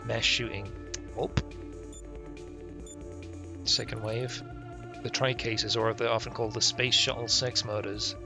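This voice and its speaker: Unhurried and pausing often, a man with a mid-range voice, little pitch movement and vocal fry reads a game's text aloud on a live stream. Game music plays behind his casual, sweary, offhand asides.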